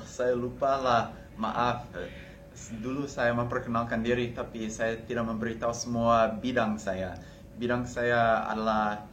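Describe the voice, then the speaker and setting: A man's voice: on the low side, a bit bright, a little hiss or hum. A young American man, a native English speaker, speaking Indonesian as a foreigner with some Malay words mixed in, casually introducing himself to camera. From United States. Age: young adult. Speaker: university language student.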